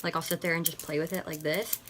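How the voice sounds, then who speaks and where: A woman's voice: low-pitched, little pitch movement, fast talker, fairly bright tone, a little hiss or hum. A teenage girl telling a storytime on her vlog, rambling and full of "like" and slang. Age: teens. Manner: rambling, heavy use of "like", slangy. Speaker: vlogger. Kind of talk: casual storytime.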